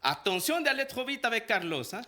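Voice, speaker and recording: Preacher guy, in french, high bright voice, tells his story all animated and laughing. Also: brisk. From El Salvador. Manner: animated storytelling, acts out dialogue, laughs often. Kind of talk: sermon with personal story.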